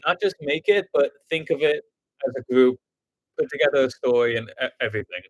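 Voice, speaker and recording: A man's voice: medium pitch, brisk, no echo, muffled recording. A man chatting loosely and jokingly with his viewers as a stop-motion creator on a casual livestream.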